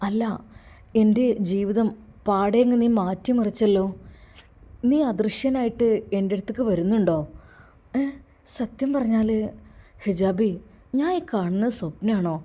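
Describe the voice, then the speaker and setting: A woman voicing a young man, a former thug who now speaks in an earnest, halting, questioning way. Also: medium pitch, dark tone, lightly acted. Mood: puzzled.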